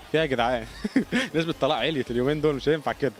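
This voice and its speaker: Quick, joking Egyptian man on the street. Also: mid-range voice. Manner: joking, laughing. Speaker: interviewee. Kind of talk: casual street interview answers.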